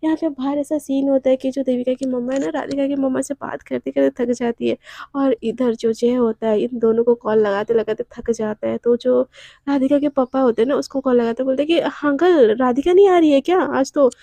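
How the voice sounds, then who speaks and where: High warm-voiced woman telling a story. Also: fairly even intonation, fairly quick, vocal fry, dry recording. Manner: chatty retelling with frequent fillers. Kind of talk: casual story narration.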